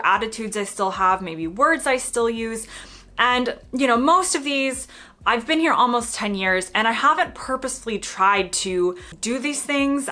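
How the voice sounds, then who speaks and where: A young American vlogger from Florida chats to camera in a casual, upbeat way, filling her talk with lots of fillers. Her voice is fairly high with a sharp tone.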